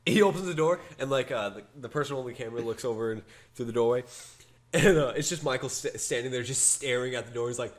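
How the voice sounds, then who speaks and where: A man's voice: medium pitch, fast talker. A young man co-hosting a casual chat, rambling with many fillers and restarts. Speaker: podcast co-host.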